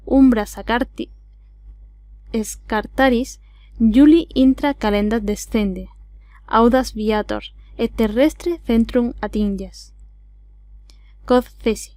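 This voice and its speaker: A woman with an Andalusian accent reciting a solemn explorer's cryptic message in an audiobook, slowly and deliberately. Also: a little high, darkish tone, no echo. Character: solemn male explorer's cryptic written message read aloud.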